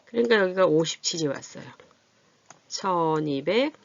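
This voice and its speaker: Her voice sits on the low side, gravelly and expressive, as this adult literacy teacher walks her class through reading and writing big numbers in a math lesson. Patient throughout, she keeps asking whether everyone is following and stretches out her counting while she writes. It's captured in a dull, dry, lo-fi recording.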